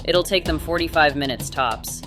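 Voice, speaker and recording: Man playing a demanding young friend, bright voice. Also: on the high side, normal speed, soft background music. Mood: pressing. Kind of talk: dramatic film dialogue.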